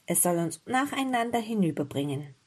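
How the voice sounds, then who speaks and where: A woman voicing a brave, clever little girl in a fairy tale, calling out in a bright, eager way. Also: medium pitch, very animated, brisk, breathy edge.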